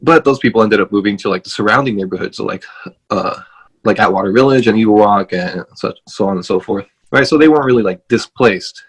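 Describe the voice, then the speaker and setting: A man's voice: on the low side, a little fast, breathy edge, poor audio. A man from Los Angeles, a guest on a podcast, talking casually over a video call and rambling with many fillers and restarts. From Los Angeles, USA.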